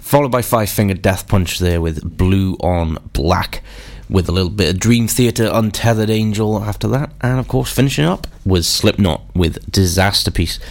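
A man's voice: fairly low pitch, moderate pace. A man with a bunged-up, stuffy nose from a cold, casually presenting a rock radio show in a chatty, informal way. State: congested with a cold.

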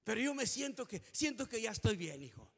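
A man voicing his elderly, weak mother in a gentle, tender tone while giving a testimony. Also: high-pitched, sing-song, fairly quick, gravelly, breathy edge, full character voice. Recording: long hall reverb.

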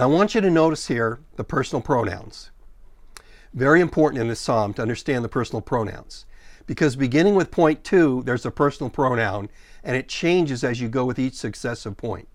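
A man's voice: mid-range voice, no echo. Middle-aged male pastor preaching, dry sound. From born in Sudan, raised in Ethiopia and America. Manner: expository preaching, reads scripture slowly and deliberately. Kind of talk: sermon.

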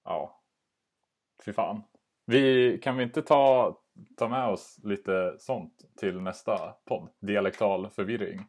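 A man's voice: fairly low pitch, a little mellow. A man co-hosting a podcast in casual chat, laughing, self-mocking and swearing casually. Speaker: podcast co-host.

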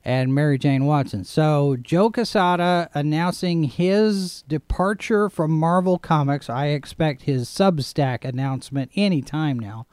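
A man hosting a live show, chatting casually through the news in a halting, digressive way. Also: on the high side, darkish tone, clean tone, no room sound, studio quality. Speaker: host and editor of a live show.

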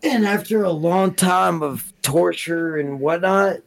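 A man's voice: high-pitched, takes it slowly, vocal fry. A man co-hosting a casual chat about a TV episode, rambling, restarting his sentences and swearing now and then. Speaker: podcast co-host.

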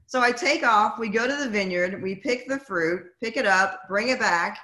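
A woman winemaker tells stories in a bright, forceful voice, slipping into the people she quotes as she goes. It is a casual chat, heard over a video call. The sound echoes in a roomy space. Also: medium pitch, normal speed. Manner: animated, acts out quoted voices. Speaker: winemaker guest.

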